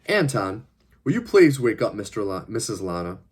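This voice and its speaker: A man reading his novel aloud, voicing a polite, formal government agent who threatens his captives in measured words. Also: lowish voice, sing-song, breathy edge. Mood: cold menace. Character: cold, polite, menacing male government agent.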